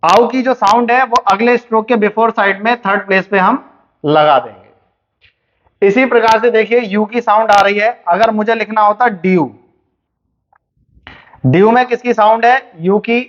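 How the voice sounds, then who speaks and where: A man with a fairly high voice is teaching a shorthand lesson. He explains each step, then poses a question and answers it himself. The recording sounds dull and muffled. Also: fairly even intonation, normal speed, fairly bright tone. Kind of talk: classroom lesson.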